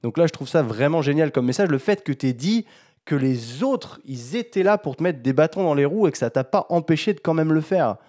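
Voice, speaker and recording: A man's voice: fairly high pitch, expressive, fairly quick, warm tone. A man hosting a casual interview, enthusiastic and reflective, slipping in English phrases. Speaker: host.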